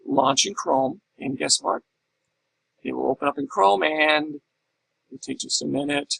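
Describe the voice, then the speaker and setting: Man, middle-aged, instructor, recorded lecture, bright edgy tone, husky, explains step by step. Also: sits high, low-quality recording. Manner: explanatory, asks and answers his own questions.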